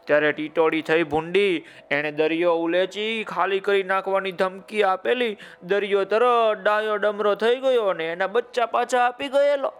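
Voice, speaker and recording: A man's voice: high-pitched, moderate pace, fairly bright tone, clean tone. A man voicing a wise old male crow who gives the others advice in a children's story. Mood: advising. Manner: advising, recounting.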